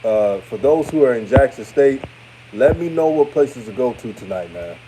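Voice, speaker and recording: With lively intonation at a normal speed and a medium pitch, a thirty-year-old Houston sports host chats on a postgame livestream, going through viewer comments and replying to them. He sounds like an older radio voice and calls his viewers family, and the background is noisy.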